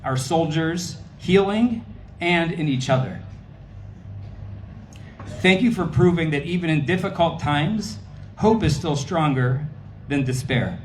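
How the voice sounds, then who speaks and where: Earnest man closing a gala, slightly high voice, faint background noise. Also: animated, takes it slowly. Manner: earnest, rhythmic thank-yous.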